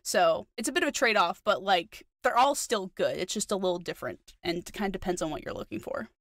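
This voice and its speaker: A woman's voice: mid-range voice, lively intonation, fast, a bit bright, dry recording. Woman, New Zealand accent, podcast co-host; chatty and eager, dry close sound. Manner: chatty, enthusiastic, many fillers. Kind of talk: casual chat.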